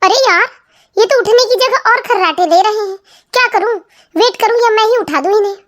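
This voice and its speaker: A woman's voice: very high voice, fairly quick, a bit bright. A woman voicing a hopeful, sulky young wife in a comedy cartoon, chatty and talking to herself. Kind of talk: cartoon family comedy voice acting.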